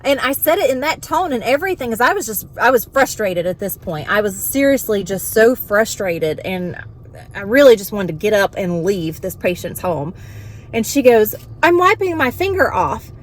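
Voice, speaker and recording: A woman, a vlogger and home health worker telling an animated, exasperated story in casual venting style. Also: mid-range voice, moderate pace.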